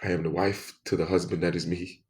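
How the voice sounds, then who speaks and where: A man delivering an intense, emphatic spoken monologue, repeating phrases and swinging between loud outbursts and soft asides. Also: deep voice, flat delivery, a little fast.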